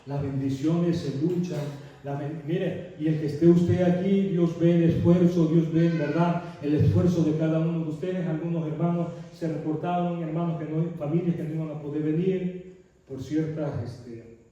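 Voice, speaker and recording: A man's voice: fairly high pitch, steady tone, normal speed, warm tone, lo-fi sound. A male pastor preaching a sermon, asking the congregation questions and repeating key phrases for emphasis. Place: church sanctuary. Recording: echoey church hall, mic far off.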